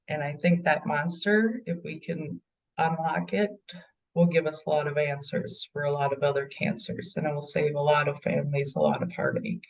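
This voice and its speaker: A woman's voice: deep voice, creaky, far from the mic, rough recording. A middle-aged mother answering interview questions in an earnest way, with frequent ums. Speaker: bereaved mother and guest.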